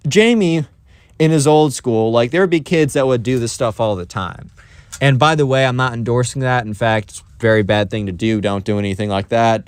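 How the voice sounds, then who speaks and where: A man narrating a storytime vlog in a loose, rambling way, stacking up fillers as he goes. His pitch sits right in the middle and the sound is dry and close, with no room to it. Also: clean tone, dry recording. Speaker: storytime YouTuber.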